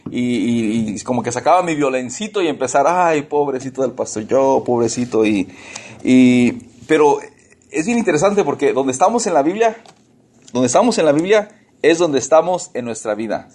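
A man's voice: medium pitch, very animated, normal speed, a little mellow. A man preaching a conversational sermon as pastor. He addresses the congregation directly, asks rhetorical questions and acts out the voices of complaining people.

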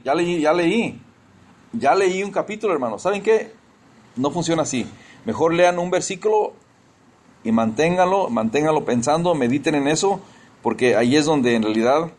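A man's voice: mid-range voice, a little mellow. Conversational preacher, man. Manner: conversational, addresses listeners as brothers, asks questions; slips in English exclamations. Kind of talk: informal sermon.

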